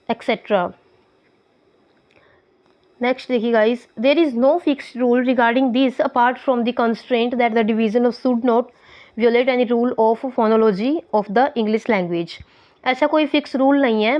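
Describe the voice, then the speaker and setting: A woman with an Indian accent teaching an online English lesson, reading English lines slowly and explaining in Hindi. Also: a little high, dull audio.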